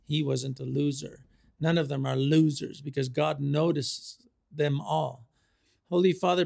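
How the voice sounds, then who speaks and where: Gravelly-voiced male preacher, slow and deliberate. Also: fairly high pitch. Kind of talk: sermon.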